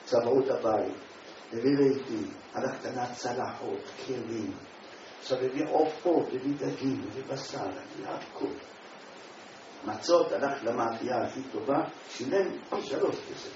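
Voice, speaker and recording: A man preaching a religious tale in an animated storytelling sermon, dramatically acting out the characters' voices. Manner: dramatic, acts out characters with leaps in pitch and loudness. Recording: echoey distant room mic, dull sound, faint noise.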